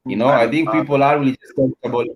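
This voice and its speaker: A man with an African accent hosts a spoken political commentary, talking haltingly and often repeating phrases for emphasis. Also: medium pitch, steady tone, rough recording. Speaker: host of a political discussion show.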